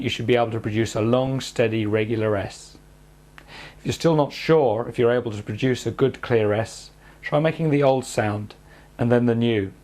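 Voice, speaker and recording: A man calmly guiding listeners through speech therapy exercises in a measured instructional narration. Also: medium pitch. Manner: calm, measured, step-by-step coaching.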